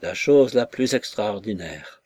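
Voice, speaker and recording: A man doing an excitable little old woman. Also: on the high side, moderate pace, voice pushed up. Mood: eager.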